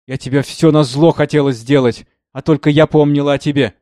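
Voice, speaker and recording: A man's voice: fairly even intonation, a little fast, warm tone, dry recording, clean studio sound, close to an everyday voice. A man voicing a bitter, broken young woman who cries out in anguish. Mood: pleading. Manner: shrill, crying out.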